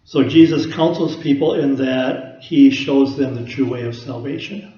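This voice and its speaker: A man delivering a sermon in a relaxed, conversational teaching manner, explaining scripture through everyday examples. His mid-pitched voice carries through a roomy space with some echo. The sound is slightly dull and muffled. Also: measured pace. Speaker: pastor.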